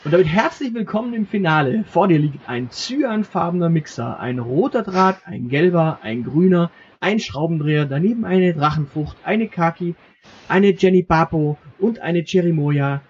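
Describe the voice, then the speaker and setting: This man co-hosts a laid-back podcast and runs a brief role-play game as game master, his delivery wry, halting and full of fillers. He sounds fairly high-pitched, animated and husky, heard through dull audio.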